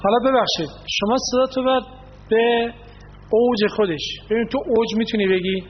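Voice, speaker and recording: High-pitched guy running a voice workshop, keeps asking the group questions, echoey hall, dull sound. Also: steady tone, a little hiss or hum. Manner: explanatory, asks the group questions. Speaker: workshop instructor. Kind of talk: teaching a voice skills workshop.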